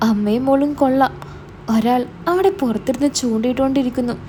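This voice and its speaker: A stern older brother, read by a woman in her own voice, presses hard with suspicious questions. The tone is mellow and dark rather than bright, sitting slightly high, with a faint hiss behind it. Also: quick pace, close to an everyday voice. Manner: stern, interrogating.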